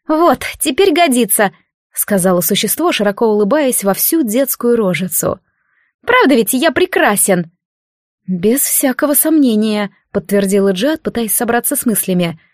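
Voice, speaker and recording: A woman narrates a fantasy story at an even, measured storytelling pace, her voice fairly high. The sound is close and dry with no room around it. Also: dry recording. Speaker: audiobook narrator.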